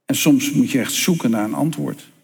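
A man preaching a sermon, unhurried, pausing often and dropping softly into spoken prayers. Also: medium pitch, creaky, in a large hall. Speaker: pastor.

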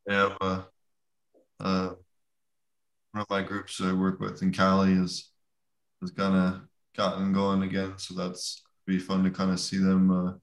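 A man's voice: sits low, monotone, unhurried, pauses often. A man co-hosting a podcast in casual, laid-back chat. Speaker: podcast co-host. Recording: echoey room.

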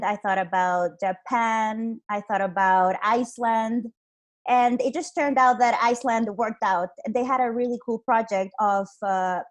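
A woman in her twenties from Honduras, a podcast guest chatting casually over a call with many "like"s and restarts. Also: fairly high pitch. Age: 20s. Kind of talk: casual interview chat. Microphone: video call.

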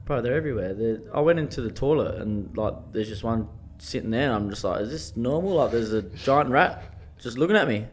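A man speaks in a broad Australian accent at a middling pitch. He is a podcast co-host in easy, casual conversation, talking like one of the boys, with plenty of slang and swearing. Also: lively intonation, fairly quick, a little hiss or hum. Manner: laid-back, blokey, slangy and sweary. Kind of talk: casual chat.

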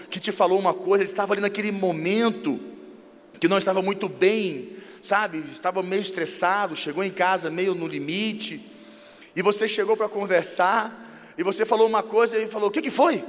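A man with a Brazilian Portuguese accent giving an informal sermon on marriage, telling stories lively and acting out dialogues. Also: high-pitched, big-room sound. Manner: lively storyteller who acts out dialogues.

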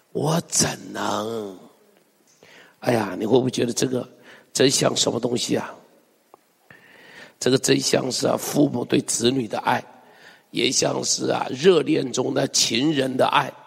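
Older pastor, gravelly voice, dramatic sermon. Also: male voice, medium pitch. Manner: dramatic, acts out scripture lines with sighs and shouts, chuckles often. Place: church sanctuary. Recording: long hall reverb.

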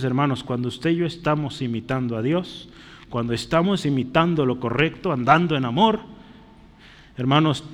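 A man preaching a sermon to a congregation, checking in with constant tag questions and swinging between loud emphatic peaks and quiet drops. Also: mid-range voice. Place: church hall. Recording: long hall reverb.

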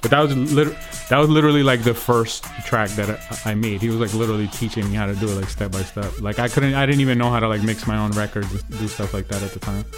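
A man's voice: on the low side, steady tone, fast talker, music in the background. A man who grew up in New Jersey, a DJ and producer, talking in a casual, slangy interview. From New Jersey, USA. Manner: laid-back, slangy storytelling. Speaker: DJ and music producer being interviewed.

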